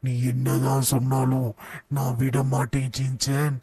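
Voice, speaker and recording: A man voicing a huge, boastful green brute who makes slow, gloating threats in a comic game voice-over. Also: medium pitch, completely flat delivery, dark tone, breathy edge, no echo. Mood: menacing.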